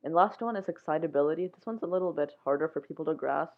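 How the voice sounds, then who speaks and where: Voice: medium pitch, fast. A science show host giving a casual, informal explainer in plain steps. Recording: muffled, phone-like narrow sound.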